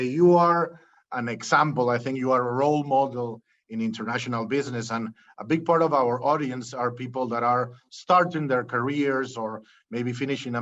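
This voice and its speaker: A man's voice: medium pitch, a bit bright, dull audio. A man hosting an interview podcast, introducing the format and questioning his guest, listing topics and restarting phrases. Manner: enumerating, with frequent restarts. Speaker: podcast host. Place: Peru.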